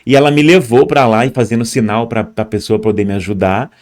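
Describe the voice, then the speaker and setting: A man's voice: mid-range voice, steady tone, a little fast, a little mellow. Man telling his own story. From Brazil. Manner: speaks straight to viewers and points at on-screen footage. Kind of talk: personal storytelling.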